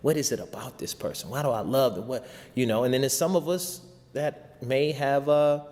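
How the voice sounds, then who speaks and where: Speaking at a moderate pace, this man has a mid-range, slightly mellow voice. He is a show host and spiritual teacher preaching passionately in everyday vernacular, repeating phrases for rhetorical effect, with long hall-style reverb on the recording.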